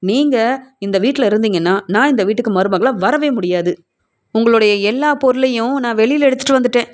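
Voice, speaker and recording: A woman's voice: on the high side, brisk, close to an everyday voice. A woman voicing an angry young woman who argues to claim her place in the family, speaking in an accusing tone. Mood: indignant. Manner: accusing, argumentative.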